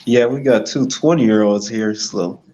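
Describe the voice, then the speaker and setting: Easygoing young man, fairly low voice. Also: unhurried, mellow, dull audio. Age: 20s. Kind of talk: casual group chat.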